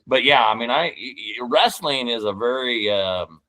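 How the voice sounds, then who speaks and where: A man's voice: medium pitch, animated, moderate pace, pushed and bright. A forty-year-old man from Iowa, a guest hunter chatting casually on a podcast, blunt and joking, swearing now and then. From Iowa, United States. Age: 40s.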